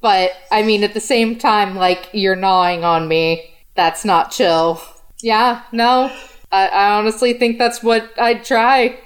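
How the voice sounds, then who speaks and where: A woman's voice: medium pitch, steady tone, slow pace. A woman playing a tabletop game, joking wryly in casual chat. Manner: wry, joking. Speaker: player.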